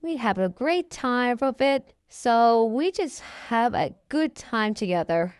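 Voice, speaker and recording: High-voiced young woman telling a story. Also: expressive, slow, clean tone, no room sound, studio quality. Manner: simple, repetitive phrasing, often starting with "so". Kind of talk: casual storytime vlog.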